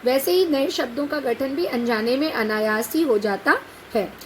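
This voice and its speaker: A woman's voice: high-pitched, normal speed, poor audio. A woman teacher giving a lecture, explaining a text patiently and checking in with her students through rhetorical questions. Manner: patient, addresses students as "बेटा". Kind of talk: classroom lecture on a set text. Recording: faint background noise.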